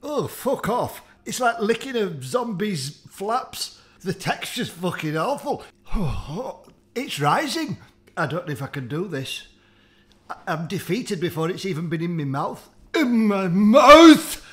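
Hosting a comedy food-challenge vlog, this man, pitched slightly above most men, curses openly and grumbles in exaggerated revulsion, milking every mouthful for humor. He's expressive, talks at a normal speed, and sounds a touch bright.

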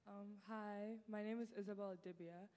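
A teenage Nigerian student, a guest on a church stage, chats casually into a handheld mic, peppering her speech with "like." Her British-tinged Nigerian accent carries a mid-range, steady, slightly mellow voice at a moderate pace, and the large hall adds long reverb.

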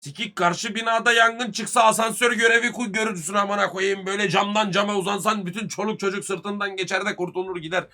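Bright, brash man joking with chat. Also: high-pitched, brisk, hardly any pauses. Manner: crude, swearing, joking banter; lively, swings loud and soft. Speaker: streamer. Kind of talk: casual live-stream chat with viewers.

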